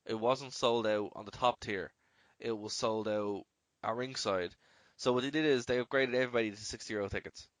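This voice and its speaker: A man's voice: lowish voice, fairly even intonation, brisk, a bit bright, no room sound. An Irish man hosting a podcast, chatting casually and rambling with lots of "you know". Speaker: podcast host.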